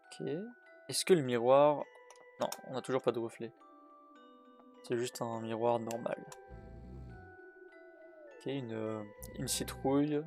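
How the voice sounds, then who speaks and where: A gaming YouTuber with a steady, mid-range, darkish voice comments on a horror game while playing it. He speaks slowly with long pauses, translating the game's text aloud with plenty of fillers and restarts, while faint game music plays behind him.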